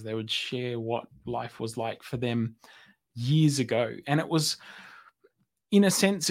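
Guy cohosting a faith podcast, mid voice, laid back and chatty. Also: medium pitch. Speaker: podcast co-host. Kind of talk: casual podcast chat.

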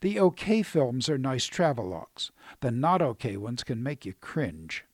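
A man's voice: mid-range voice, sing-song, a little slow, no echo, clean studio sound. Wry male radio film critic. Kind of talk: scripted radio film review.

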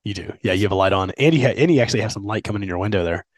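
A man's voice: fairly low pitch, lively intonation, racing, no room sound, studio quality. A man co-hosting a casual podcast chat, teasing his partner in a playful way and now and then bursting into exaggerated enthusiasm. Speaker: podcast co-host.

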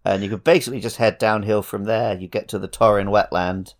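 With a lowish, steady voice and a brisk pace, a male podcast co-host talks through video games casually, explaining as he goes.

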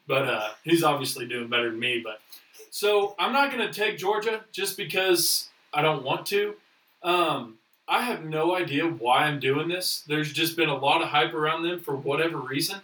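A man's voice: fairly high pitch, normal speed, pushed and bright. A man co-hosting a podcast, rambling through casual sports talk with lots of fillers. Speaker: podcast co-host. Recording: echoey room, distant mic.

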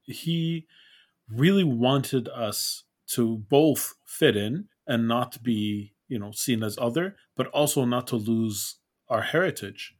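A man's voice: mid-range voice, slow pace. A man who grew up in Canada, hosting a podcast and chatting in a friendly, easygoing way, laughing easily and asking open questions. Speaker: podcast host. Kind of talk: casual interview chat.

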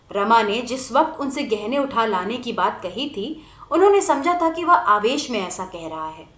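A woman reads a novel aloud with expressive storytelling, her voice high and lively. The recording rings with room echo. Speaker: narrator. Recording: echoey room.

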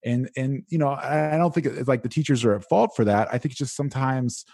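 A man speaking as a podcast guest about teenagers, in a casual, animated way. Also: medium pitch, quick pace, creaky, dry recording, clean studio sound. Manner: casual and animated, many "like" fillers. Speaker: guest, school resilience speaker. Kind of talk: conversational interview.

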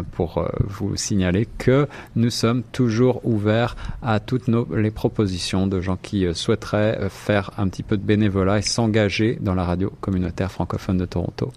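A man's voice: lowish voice, a little mellow. A man, a radio show host, explaining his work on a live round-table with many hesitant fillers.

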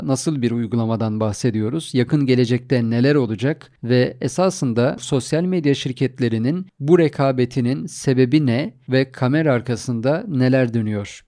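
A man's voice: medium pitch, dark tone, no room sound, clean studio sound. A man hosting a solo podcast, explaining things in a conversational way with light humorous asides. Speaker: podcast host. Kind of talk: casual solo podcast commentary.

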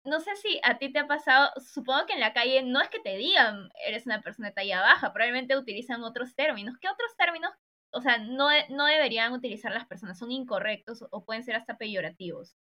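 A woman's voice: a little high, lively intonation, fast talker, pushed and bright. A woman with a Peruvian Spanish accent hosting an interview and asking curious, conversational questions. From Peru. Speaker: podcast host.

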